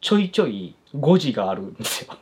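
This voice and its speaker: A man hosts a podcast, chatting casually and reading listener letters aloud. His mid-pitched voice has lively intonation and a husky grain. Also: fast talker. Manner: conversational, reads letters aloud.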